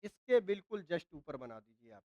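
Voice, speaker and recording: A male chemistry teacher with a Hindi accent lectures at a whiteboard, his throat dry and his speech broken by coughs. He poses questions to students, answers them himself, repeats points and keeps checking in with "ठीक है ना". His fairly high, warm voice swings widely in pitch at a normal speed, recorded with no room sound but dull audio.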